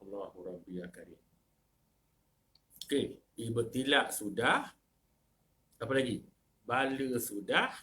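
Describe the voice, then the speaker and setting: Man, Malaysian Malay accent, religious teacher, mosque lecture, sharp bright voice, rhetorical questions, loud-soft swings. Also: very animated, slow, long pauses, a little hiss or hum. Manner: swings between loud emphasis and low asides.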